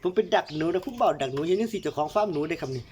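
A man jokes his way through a cooking vlog in a teasing, playful monologue. His voice swoops up and down in lively sing-song. Faint noise with animals and birds drifts in behind him. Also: fairly high pitch, rapid-fire. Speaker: vlogger cooking and joking on camera. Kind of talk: joking casual monologue.

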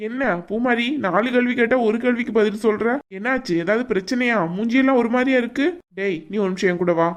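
A woman's voice: a little high, fast talker, close to an everyday voice. A chummy teasing young buddy, voiced by a woman. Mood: cheerful. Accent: Kanyakumari Tamil. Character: cheerful teasing young man, Kamal's buddy. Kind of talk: cartoon voice acting.

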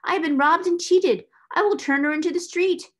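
A woman's voice: mid-range voice, expressive, normal speed, natural voice. Woman putting on a furious, imperious schoolmistress. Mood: outraged. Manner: fierce, biting, imperious. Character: furious, cold, domineering older schoolmistress.

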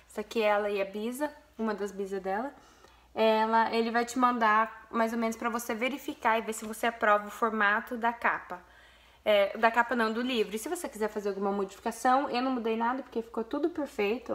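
A woman's voice: on the high side, a bit bright. A young Brazilian woman vlogging casually, gushing as she shows viewers a photo album and talks to them directly. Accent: Brazilian Portuguese. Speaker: vlogger, mother.

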